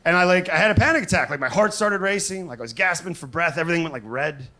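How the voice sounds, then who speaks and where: A man's voice: fairly high pitch, animated, fast, sharp tone. A man doing a self-deprecating, hesitant, conversational stand-up set, with crowd laughter behind him at a live show. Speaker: stand-up comedian. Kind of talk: stand-up comedy set before a live audience. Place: live comedy venue on stage.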